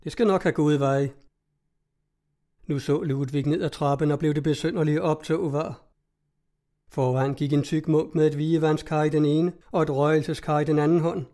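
A man reading a story aloud in an even, measured way. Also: on the high side. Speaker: narrator. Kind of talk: audiobook narration.

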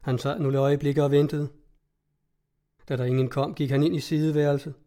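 A man reading a story aloud in an even, measured way. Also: on the high side. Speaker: narrator. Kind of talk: audiobook narration.

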